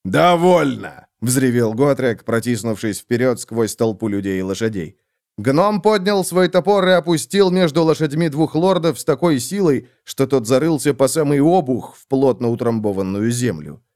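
A man narrating a fantasy audiobook in a steady storytelling voice. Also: mid-range voice, normal speed, dry recording, studio quality.

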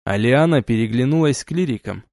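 A man narrating a fantasy audiobook in an even, plain storytelling way. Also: mid-range voice, a little fast, dry recording, clean studio sound. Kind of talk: scripted narration.

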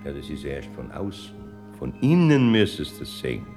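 Deep-voiced Bavarian Saint Peter. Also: male voice, wildly swooping pitch, fairly quick, full character voice. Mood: genial. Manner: avuncular, welcoming. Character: genial, dignified old male saint welcoming souls. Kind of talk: German dialect radio play. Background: music.

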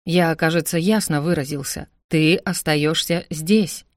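A woman's voice: low-pitched, moderate pace, dry recording, clean studio sound, lightly acted. A woman reading the part of a cold, domineering young man who is his sister's guardian, speaking curtly and with contempt. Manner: curt, icy, contemptuous.

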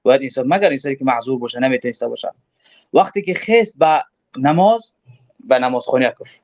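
A man's voice: medium pitch, darkish tone. A man with a Tajik accent teaching from a religious text, quoting Arabic phrases and explaining them, often asking himself questions before answering. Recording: dull lo-fi recording.

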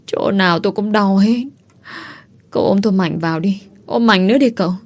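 A woman voicing a scheming young pregnant village woman who wails and pleads loudly. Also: mid-range voice, fairly quick, natural voice. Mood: wailing. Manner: loud, wailing, pleading.

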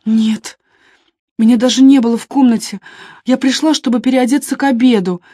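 A woman's voice: a little high, steady tone, moderate pace, warm tone, no room sound, pitched above the performer's own voice, natural voice. Woman reading upset young female photographer, emphatic, agitated, dry close sound. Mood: insistent. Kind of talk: audiobook character reading.

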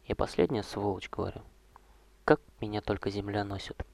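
A man voicing a despairing, self-loathing male necromancer king who pleads and shouts in anguish, with a husky voice. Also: fairly low pitch, steady tone, normal speed. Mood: bitter. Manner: anguished, pleading, raw and loud at times.

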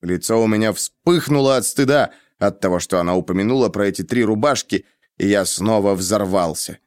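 A man narrating an audiobook in the first person, measured and reflective, recorded close in a studio booth. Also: lowish voice, darkish tone, dry recording.

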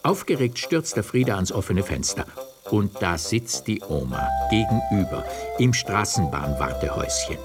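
A man narrating a children's radio story in an expressive storytelling manner. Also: lowish voice, normal speed, over music.

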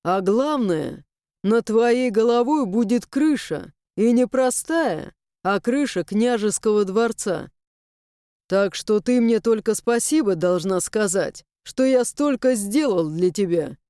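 Brief: woman doing stern young man, storybook, lower and measured, mellow smooth tone. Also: lively intonation, no room sound, studio quality. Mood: lecturing. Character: stern young man Inamir, proud and protective. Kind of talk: audiobook character voice.

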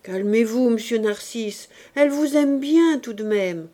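A woman's voice: on the high side, measured pace, warm tone, natural voice. A woman reading an audiobook, voicing an older aunt who soothes and chatters. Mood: soothing. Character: older woman, fussy retired embroiderer aunt.

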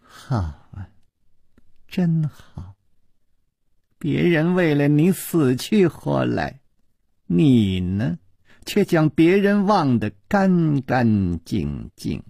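A man voicing a cold, proud young woman who turns teasing and coy, speaking low and breathy in a slow story reading. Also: sing-song, dark tone, dry recording, clean studio sound, full character voice.

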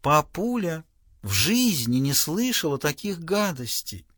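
Male reader doing a haughty young daughter: soft, cool, drawn-out, raised voice. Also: fairly high pitch, sing-song, no room sound, studio quality, heavily acted. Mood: sulky.

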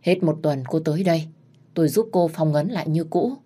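A woman's voice: sits low, a little fast, dark tone. A woman voicing an older female village shaman who gives stern, instructive warnings.

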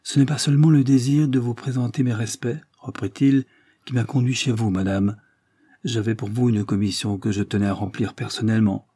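A man's voice: medium pitch, fairly even intonation, a little fast, warm tone, husky, no echo, studio quality. A man reading an audiobook and voicing a courteous, serious young nobleman, with polite, formal speech. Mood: respectful.

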